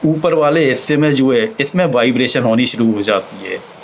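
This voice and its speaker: A man teaching slowly, pausing to demonstrate each sound aloud. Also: medium pitch, creaky, a little hiss or hum, poor audio. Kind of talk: explanatory talk on chanting.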